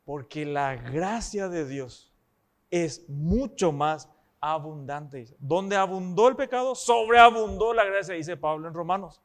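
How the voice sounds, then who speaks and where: Man as preacher, higher-pitched, emphatic sermon delivery with rhetorical questions. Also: animated, measured pace.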